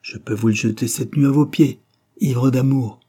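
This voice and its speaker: A man's voice: mid-range voice, steady tone, moderate pace, warm tone, slightly rough, close to an everyday voice. A man reading the lines of a sly, gallant old male bandit in an audiobook, with a wheedling, knowing tone.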